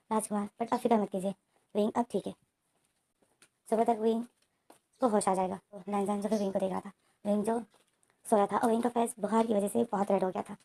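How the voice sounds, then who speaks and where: A woman's voice: mid-range voice, mellow. A woman casually retelling a romance story, narrating the plot and speaking the characters' lines in her own voice. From India.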